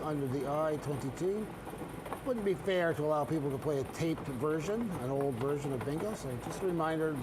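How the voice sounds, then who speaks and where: A middle-aged Canadian man hosts as a bingo caller, with a somewhat high-pitched voice. He gives each call in a measured, repeated formula, as on a live broadcast. Clear background noise runs behind him.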